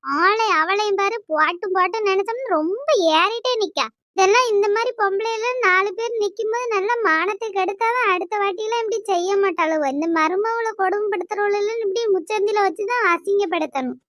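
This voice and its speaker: A woman plays a cartoon village mother with a strikingly high, thin voice. She pleads and laments in long sing-song complaints. The recording is dry and close. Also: a little fast, a bit bright, dry recording. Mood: scornful. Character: grieving village mother, middle-aged woman, gentle and long-suffering. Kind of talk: cartoon voice acting.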